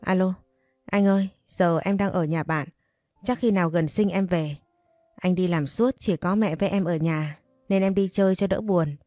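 A woman's voice: lowish voice, normal speed, mellow, dry recording, faint music behind, close to an everyday voice. A woman voicing a selfish, cold young woman who speaks curtly and complains in an audio story.

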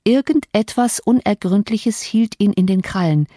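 A woman narrating a classic novel with measured, expressive storytelling. Her voice sits in a middle register for a woman. The recording is dry and close, with no room echo. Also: mid-range voice. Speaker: audiobook narrator. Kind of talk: literary audiobook narration.

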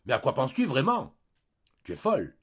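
A man playing an irritable young husband who shouts in exasperation, on a dull lo-fi recording. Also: fairly low pitch, sing-song, fast, slightly rough, full character voice. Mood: furious.

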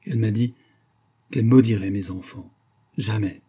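A man's voice: fairly low pitch, fairly even intonation, moderate pace, dark tone, slightly rough. Resolute pious young woman, read by a man. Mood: earnest. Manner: earnest, resolute. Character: pious proud young woman, gentle but firm. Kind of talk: audiobook reading.

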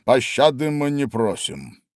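A man's voice: mid-range voice, sing-song, a little slow, darkish tone, no echo, clean studio sound. A man voicing a fussy, foolish old king presiding over a trial in a storybook reading, musing pompously aloud.

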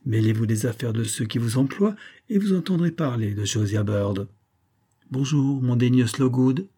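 A man's voice: mid-range voice, normal speed, warm tone, breathy edge, natural voice. A man doing a silky, scheming army major. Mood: contemptuous. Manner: coaxing, honeyed, then contemptuous. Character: smooth, scheming middle-aged army major.

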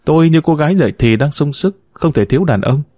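A man voicing a feisty, sharp-tongued woman near thirty who bickers and teases, in a read-aloud story. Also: fairly high pitch, expressive, slightly rough, dry recording, pitched above the performer's own voice. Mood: teasing. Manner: brash, quick to bicker and tease.

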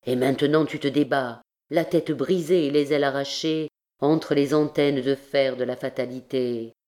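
A woman narrating a classic novel as an audiobook, in a measured literary reading. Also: rumbling low, fairly even intonation, mellow. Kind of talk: scripted narration.

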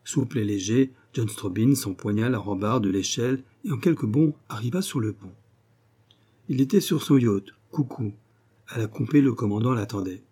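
A man reading an adventure novel aloud as an audiobook narrator, in a measured, steady storytelling manner. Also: mid-range voice, slightly rough.

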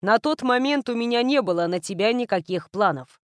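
A woman voicing a calm young male heir who speaks in an even, emotionless tone, read as part of a storybook narration. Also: fairly high pitch, fairly quick, dry recording, studio quality, close to an everyday voice. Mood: cool, level.

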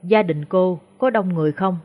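A woman voicing a shrewd, calm older male exorcist master who asks probing, feigned questions. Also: fairly low pitch, moderate pace, close to an everyday voice. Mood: shrewd questioning. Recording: dull lo-fi recording.

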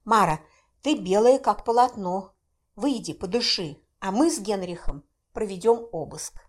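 A woman reading an audiobook, voicing a gruff, weary male police officer who speaks curtly and sternly. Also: high-pitched, a little slow. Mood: concerned.

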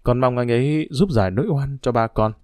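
A man's voice: medium pitch, a little fast, darkish tone, no echo, clean studio sound, natural voice. A man voicing an earnest, grieving young woman who pleads with her parents in a read-aloud novel.

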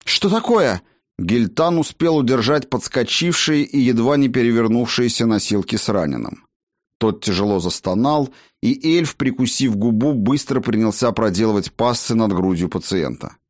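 A man narrating a fantasy audiobook in an expressive storytelling manner. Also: mid-range voice, normal speed, dry recording, studio quality.

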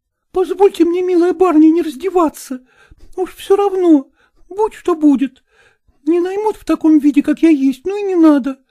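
A man's voice: very high-pitched, moderate pace, warm tone, no echo, clean studio sound, pitched above the performer's own voice. A man doing a timid, pleading young peasant girl. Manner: pleading, tearful. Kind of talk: audiobook character voice.

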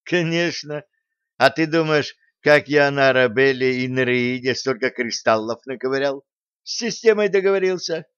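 A timid, fussy male scientist , put on by a male audiobook reader, who talks in a higher, hesitant, apologetic voice. The recording is dry and a bit dull. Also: moderate pace, a bit bright, clear, resonant tone, no echo, close to an everyday voice. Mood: eager.

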